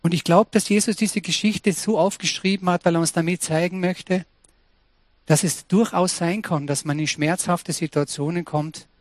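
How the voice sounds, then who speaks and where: A man's voice: high voice, fairly even intonation, normal speed, no echo. A man preaching a sermon, earnest and personal, speaking directly to his listeners. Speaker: pastor.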